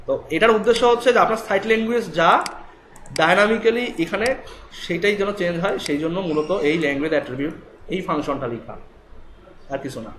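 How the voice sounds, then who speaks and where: Man instructor, Bangladeshi Bengali accent, brisk live coding lesson, slightly high voice, echoey room. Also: a bit bright, a little hiss or hum. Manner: rapid, explanatory, asks students checking questions. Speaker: web development instructor. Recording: echoey room with faint ambience.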